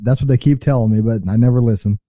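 A man's voice: medium pitch, steady tone, quick pace. A man in casual chat as a podcast co-host, in lo-fi sound.

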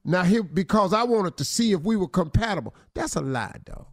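A man with a high, bouncing voice that swings widely as he talks. He gives playful relationship advice on a talk show and mockingly quotes the letter writer. The sound is close and dry. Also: expressive, a little fast, dry recording. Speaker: radio show co-host giving advice. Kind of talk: comic relationship advice chat.

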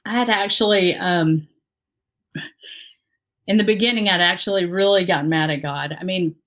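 This candid interview features a woman from the Dominican Republic looking back on her years as a police officer. Her voice sits on the low side with a fairly bright color, and she talks at a normal pace, earnest and reflective, often restarting and filling pauses.

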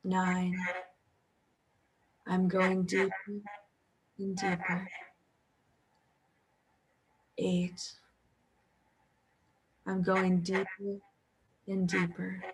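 A woman guiding a hypnosis session as a hypnotherapist, speaking softly and soothingly in repetitive phrases. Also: fairly low pitch, completely flat delivery, extremely slow, pauses often, slight background noise.

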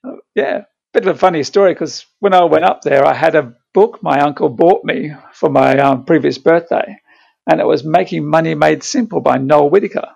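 Aussie guy on a satellite phone delay line, kinda gravelly and husky, muffled lo-fi sound, explains things slow and careful with lots of ums. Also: a little high, darkish tone. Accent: Australian. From Brisbane, Australia. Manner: measured and explanatory, with frequent ums and restarts. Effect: remote guest heard over a lagging satellite audio link. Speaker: podcast guest, property fund manager. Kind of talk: conversational interview answers. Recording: dull lo-fi satellite audio line.

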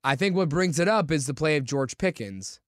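Slightly high-voiced man, dry sports chat. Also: animated, normal speed, dry recording. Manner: stammering restarts, building an argument. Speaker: sports podcast co-host. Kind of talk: casual sports talk.

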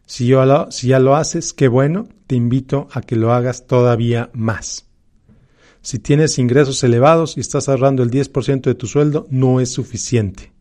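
Male financial presenter, Mexican accent. Soft-edged, relaxed tone, mid pitch, emphatic advisory delivery with repeated key phrases. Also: normal speed. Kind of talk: motivational personal finance talk.

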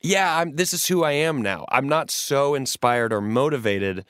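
A man's voice: mid-range voice, expressive, normal speed, a bit bright, clean tone, no echo, clean studio sound. A man in his late thirties co-hosting an advice podcast, talking things through earnestly in a rambling, restarting way. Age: 30s. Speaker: podcast co-host giving advice. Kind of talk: casual advice chat.

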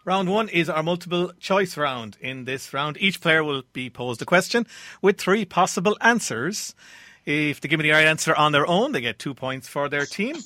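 A man's voice: a little high, lively intonation, moderate pace, bright, forceful tone, a little hiss or hum. An Irish-accented man presenting a radio quiz show as its host. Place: radio studio.

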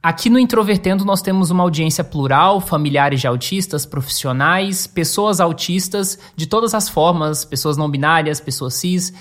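Low-voiced woman hosting a podcast. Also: moderate pace, few pauses. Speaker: podcast host. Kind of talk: measured questioning of guests.

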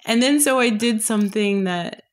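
A woman's voice: fairly high pitch, normal speed. A woman from Canada, a painter, talking casually in an interview and laughing often. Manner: laughs often, relaxed and chatty. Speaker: guest painter.

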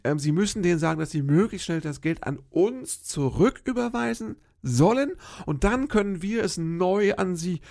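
A man's voice: sits high, expressive, moderate pace, gravelly, hardly any pauses, a little mellow, voice pushed up. A man voicing a polite, flustered female clerk at a foundation, apologetic and fussy about procedure, in a raised voice. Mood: apologetic, officious.

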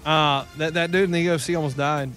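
A man's voice: a little high, fairly even intonation, fast talker, a bit bright, smooth, soft background music. A man co-hosting a casual sports chat show, retelling games and fights in an emphatic play-by-play way. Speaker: podcast co-host.

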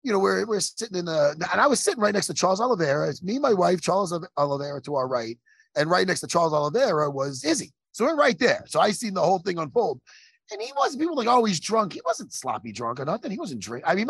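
A man hosts a loose, profane chat, telling stories at a lively clip. His voice sits high and swings widely, with a gravelly, husky edge. The sound is close and dry. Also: fast, dry recording. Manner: animated, profane, laughing storyteller. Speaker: podcast host. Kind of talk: casual chat.

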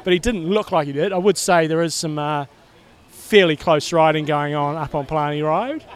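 Male Kiwi co-host, higher-than-average pitch, informal sports commentary outdoors. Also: normal speed, smooth. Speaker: co-host and triathlon coach. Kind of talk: casual event commentary. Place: outdoors at a triathlon roadside.

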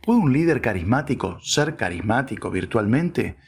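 A man's voice: mid-range voice, big pitch swings, moderate pace, husky. A man reading a scripted opinion piece with wry, sarcastic asides. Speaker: narrator.

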